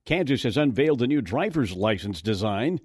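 A man's voice: mid-range voice, very animated, fairly quick, darkish tone, breathy edge, no room sound, studio quality. An American man hosting morning radio news, reading items and adding wry, conversational asides.

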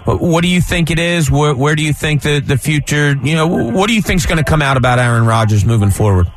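A man co-hosting a sports talk radio show, his voice sitting a little higher than most men's. He feels his way through his questions, restarting and circling as he goes. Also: fast talker. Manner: rambling, searching questions.

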